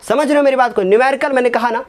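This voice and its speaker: A man's voice: very high voice, steady tone, very fast. A male physics teacher works through numericals step by step. He keeps checking that his students follow and calls them by fond, fatherly names. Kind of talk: whiteboard lesson solving numericals.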